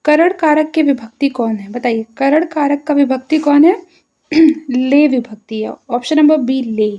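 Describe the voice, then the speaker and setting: A woman teacher giving an exam-prep language lesson, explaining slowly and repeating each term with a frequent "okay". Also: high-pitched. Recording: dull lo-fi audio.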